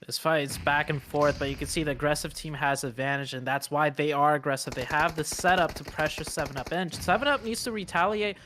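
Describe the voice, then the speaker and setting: A man giving analytical esports commentary in an explanatory, measured way with some fillers. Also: on the high side, sharp tone, slight background noise. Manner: explanatory, measured, uses fillers like you know.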